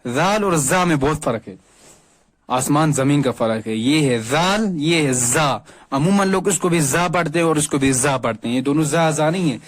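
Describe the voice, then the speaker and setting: A man teaching a Quran reading lesson, slowly drawing out and repeating each letter sound and correcting common mispronunciations. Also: mid-range voice. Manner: corrective, explaining pronunciation.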